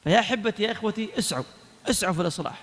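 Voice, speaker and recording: A man delivers a religious lecture at a brisk clip. His voice sits high, and he moves between urging the audience and acting out remembered conversations. A long reverb from the lecture hall trails every phrase. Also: lively intonation. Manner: exhorting, retells a story with quoted dialogue. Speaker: preacher giving a lecture.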